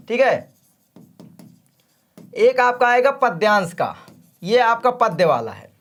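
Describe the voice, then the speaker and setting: High-voiced teacher with a sore throat. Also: male voice, a bit bright. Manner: friendly, direct, calls students "my friend". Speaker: exam-prep teacher. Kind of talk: casual exam coaching lesson.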